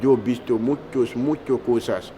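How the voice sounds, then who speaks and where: A man's voice: medium pitch, unhurried, mellow. A man from Guinea with a Guinean accent, speaking imperfect second-language Spanish in a street interview. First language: not Spanish. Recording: outdoor street with clear traffic noise.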